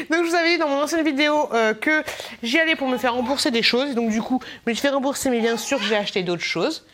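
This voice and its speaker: High-voiced chatty young woman vlogger. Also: a little fast, fairly bright tone. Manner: chatty and rambling, often laughing, talks to her baby between items. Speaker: mom vlogger showing a clothing haul. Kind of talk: casual chatty haul vlog.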